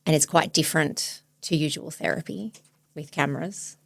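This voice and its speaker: A woman in her forties, a therapist hosting a podcast, speaking thoughtfully and searchingly in a soft, reflective way. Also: deep voice, moderate pace, vocal fry, a little hiss or hum. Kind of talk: reflective therapy demonstration chat.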